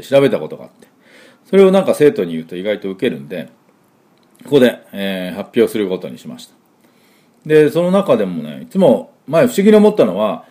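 A man teaching English in a chatty explanatory lesson, full of fillers, slowly sounding out each word. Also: fairly low pitch, a little mellow.

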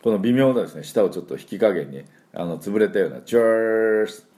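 A man's voice: sits low, lively intonation, quick pace, mellow. A middle-aged man hosting an English pronunciation lesson, acting out sounds playfully and leading exaggerated repeat-after-me drills. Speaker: English pronunciation teacher and host.

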